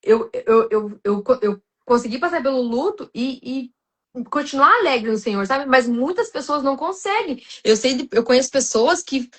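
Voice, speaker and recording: Mulher brasileira falando com convicção. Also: female voice, high voice, animated, normal speed. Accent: Brazilian Portuguese. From Brazil. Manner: earnest, many restarts and fillers, addresses listeners as "gente". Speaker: podcast guest.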